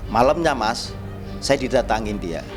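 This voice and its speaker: A man's voice: mid-range voice, lively intonation, unhurried, music in the background. A man telling a personal story casually, acting out the dialogue as he goes. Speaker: guest storyteller, spiritual healer.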